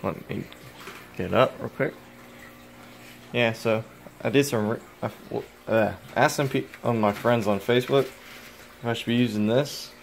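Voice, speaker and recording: A man's voice: medium pitch, unhurried, gravelly, pauses often. A young man casually vlogging about his pet reptiles at home, rambling and joking and talking to the animals, filmed on his phone. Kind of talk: casual vlog. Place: home, indoors. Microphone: phone camera. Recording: phone recording with faint background noise.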